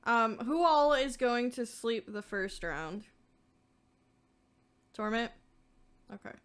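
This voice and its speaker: A young woman runs a tabletop game with a smooth, clear voice that sits a little high. She narrates in a calm, steady storytelling manner, checking in with each player in turn. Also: slow pace. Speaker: dungeon master.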